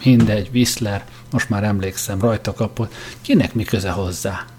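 A man's voice: lowish voice, fairly even intonation, darkish tone, slight background noise, lightly acted. A man voicing a nervous male politician who answers with forced, placating cordiality. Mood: eager. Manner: eager, placating.

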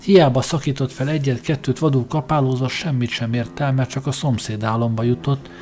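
A man reading a story aloud in a steady, even way as an audiobook narrator. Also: mid-range voice.

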